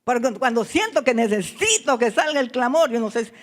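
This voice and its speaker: A woman's voice: fairly high pitch, animated, a little fast. A woman preacher delivering a sermon, acting out the story and speaking directly to the congregation. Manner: dramatic, acts out scenes, addresses congregation directly.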